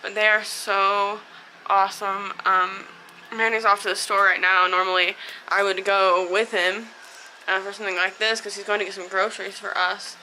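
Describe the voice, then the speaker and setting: A woman's voice: medium pitch, level tone, moderate pace, bright, forceful tone, a little hiss or hum, rough recording. An American woman vlogger chats casually and candidly to camera, rambling a little, with a sore, swollen mouth after dental surgery. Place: at home.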